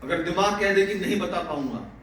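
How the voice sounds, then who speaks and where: A man's voice: high voice, lively intonation, a little fast, fairly bright tone. A male teacher giving a motivational talk to students in a fatherly way, laughing often. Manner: fatherly, calls listeners "beta", often laughing. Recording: very echoey, distant mic, faint noise.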